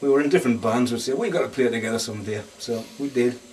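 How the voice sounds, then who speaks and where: A man's voice: medium pitch, quick pace, a little mellow. Easygoing Northeast English man, distant. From Sunderland, England. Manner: easygoing, rambling. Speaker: band guitarist and singer. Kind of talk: casual interview chat. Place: lounge bar. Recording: distant mic, faint room noise.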